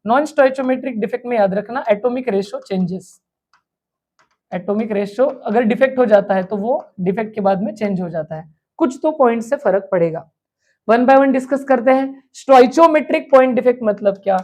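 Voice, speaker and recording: Brisk, high-voiced woman teaching chemistry. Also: expressive, warm tone, muffled recording. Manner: asks students' questions aloud and answers them; repeats key terms slowly for emphasis. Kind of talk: exam revision lecture.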